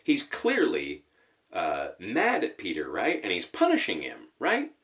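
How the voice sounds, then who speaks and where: A man preaching in a relaxed, conversational way, with a lowish voice that swings widely up and down as he talks. He asks rhetorical questions and thinks aloud, with fillers as he goes. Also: a little slow. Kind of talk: conversational sermon.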